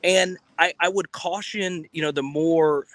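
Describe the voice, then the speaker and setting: A man's voice: on the high side, steady tone, measured pace, a bit bright, no echo, rough recording. A man hosting a casual outdoor phone livestream, rambling and joking as he talks to his viewers. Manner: rambling, chatty, jokey asides to viewers. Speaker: sports fan channel host. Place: outdoors in a city, near a palace.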